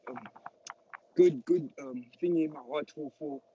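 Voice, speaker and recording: This early-twenties professional footballer from Cape Town, South Africa responds to interview questions in a casual, earnest way. His warm, higher voice swings widely in pitch, unhurried and with vocal fry. The recording is dull and lo-fi with a little hiss or hum.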